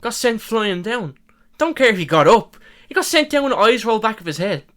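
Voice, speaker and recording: Young dude with a bit of a lisp, rambling on excited about fights, sits kinda high, swears a lot. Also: male voice, brisk. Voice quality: slight lisp. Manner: animated, rambling, swears casually. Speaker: MMA reaction youtuber. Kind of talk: casual reaction commentary.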